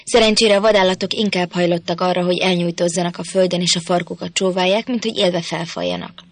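A woman reading a novel aloud as steady, scripted narration on a close mic. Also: on the low side, no echo. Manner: steady storytelling. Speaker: audiobook reader.

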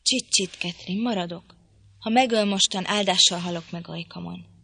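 A woman reading the lines of a brooding, desperate young man in an audiobook, urgent and hushed. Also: on the low side, creaky, breathy edge, no echo, heavily acted.

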